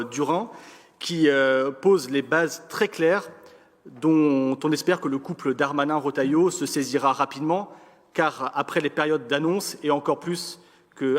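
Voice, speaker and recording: A man with a French accent from France reads a formal political speech as an elected councillor, in a measured, rhetorical manner with deliberate pauses. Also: fairly high pitch. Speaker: elected local councillor giving an opening speech. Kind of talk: formal political speech read from prepared text. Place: large council chamber. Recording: reverberant hall sound.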